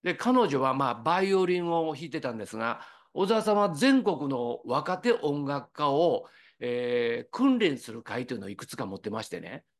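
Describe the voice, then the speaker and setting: A man's voice: mid-range voice, moderate pace, hardly any pauses. A man from Osaka with a Kansai accent, preaching a sermon in a conversational, storytelling way. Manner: conversational, lively storytelling with quoted voices.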